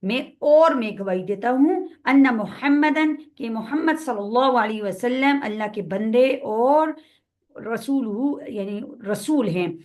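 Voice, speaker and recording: A woman with a Pakistani Urdu accent giving a recitation lesson, explaining and then reciting passages slowly and drawn out. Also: fairly high pitch, lively intonation, darkish tone. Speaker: teacher of prayer recitation.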